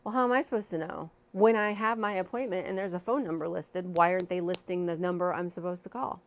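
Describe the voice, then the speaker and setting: A vlogger with a lowish voice talks fast as she tells a personal story, chatty, candid and self-deprecating. She's at home in a room with a fan running, speaking into a new microphone fitted with a windscreen.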